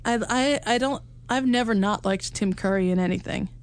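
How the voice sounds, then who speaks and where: A woman's voice: medium pitch, brisk, clean tone. Chatty laughing middle-aged woman. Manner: chatty, laughs often, trailing restarts. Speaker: podcast co-host. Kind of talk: casual chat. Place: home in upstate New York.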